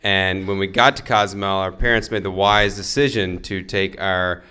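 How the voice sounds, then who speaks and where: Young guy giving a toast, low punchy voice, laughs thru his own story. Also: moderate pace, smooth. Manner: animated storyteller who laughs through his lines. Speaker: groom's brother giving a toast. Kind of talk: humorous wedding toast story.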